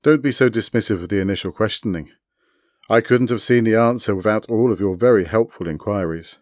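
A man's voice: fairly low pitch, a little fast, no room sound, studio quality, natural voice. A man reading a short story aloud, voicing a pompous, formal male club host with courtly, commanding manners.

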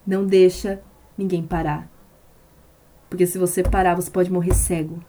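A woman's voice: on the low side, level tone, moderate pace, dark tone. A woman preaching a sermon on a live stream, impassioned and emphatic, repeating phrases for stress.

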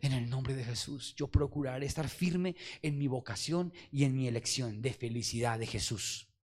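A man preaching a Sunday sermon, calling out to the congregation and swinging from loud exhortation to quiet low asides. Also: normal speed. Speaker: pastor. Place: church service.

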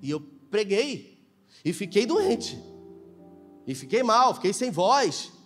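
Brazilian male pastor, high-pitched, lively live sermon in church, soft music behind. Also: slow. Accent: Brazilian Portuguese. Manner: animated preaching, acts out dialogue in voices. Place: church sanctuary.

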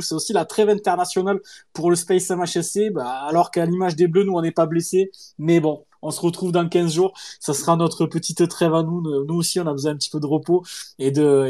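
High-voiced man hosting a casual fan show. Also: darkish tone. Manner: familiar, calls everyone "frérot". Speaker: host. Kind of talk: casual fan podcast chat.

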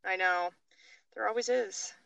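A young woman from Alberta, Canada co-hosts a podcast and casually reads out online comments, sounding amused and giggly. Her voice is bright and smooth, recorded close and dry with no room around it. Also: mid-range voice, measured pace, dry recording, lo-fi sound. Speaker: podcast co-host.

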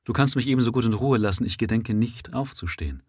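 A man voicing an exhausted young factory worker who speaks softly, calmly and without passion. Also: medium pitch, fast, no room sound, clean studio sound, natural voice. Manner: calm, soft and passionless.

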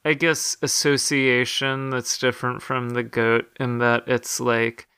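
A man's voice: mid-range voice, little pitch movement, measured pace, sharp tone, smooth, dry recording, clean studio sound. A man co-hosting a podcast, chatting casually about a horror film with many fillers and restarts. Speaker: podcast co-host.

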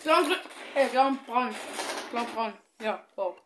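Giggly high-pitched teen girl, casual co-host banter on a noisy recording. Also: lively intonation, normal speed. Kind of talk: casual chat.

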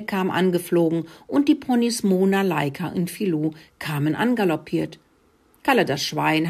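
A woman narrating a children's story, gently speaking directly to the young listener. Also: lowish voice, husky.

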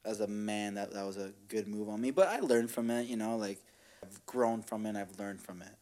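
A man's voice: lowish voice, moderate pace, a little mellow. A young man co-hosting a podcast, talking in casual, slangy, profane banter. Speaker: podcast co-host. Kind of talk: casual chat.

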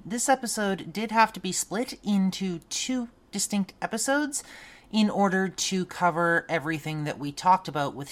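A woman with a slightly low voice hosts a casual podcast. She talks in a friendly, chatty way, running through warnings and social media plugs before turning to her guest with easy questions. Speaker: podcast host. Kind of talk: casual podcast intro and interview.

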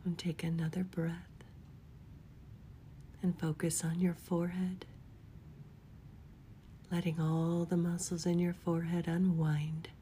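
Woman's soft, very slow spa whisper. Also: on the low side, flat delivery, slight background noise. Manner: unhurried, gentle instructing. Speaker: guided relaxation leader. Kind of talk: whispered guided body-scan meditation.

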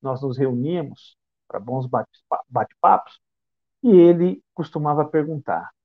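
With narrow, tinny audio, a fairly high-pitched, animated Brazilian man from São Paulo state delivers a spiritist lecture at normal speed, speaking with a Brazilian Portuguese accent. He sounds reflective and asks rhetorical questions.

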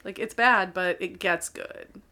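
A woman's voice: fairly low pitch, measured pace, sharp tone. A woman co-hosting a podcast in casual chat, laughing often and yawning from recording late at night. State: tired, yawning. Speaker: podcast co-host.

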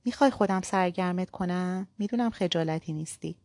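A woman's voice: on the low side, darkish tone, no room sound, lightly acted. Woman reading as a curt, impatient man. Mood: taunting. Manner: blunt, impatient, short replies. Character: curt irritable man, a cold boss.

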